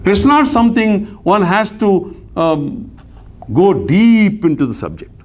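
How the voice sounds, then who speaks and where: A very animated man teaching philosophy lectures slowly on scripture, raising rhetorical questions and answering them himself. He swings between emphatic, raised lines and soft, low asides.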